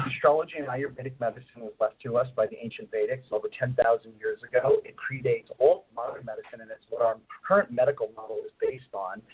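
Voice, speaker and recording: A man's voice: medium pitch, slightly rough. A middle-aged man co-hosting a radio show by phone, rambling through explanations with many fillers, his voice muffled and distant as if through a long tube. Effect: muffled distant phone line, as if talking through a long tube. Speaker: radio co-host and astrologer. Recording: tinny phone line.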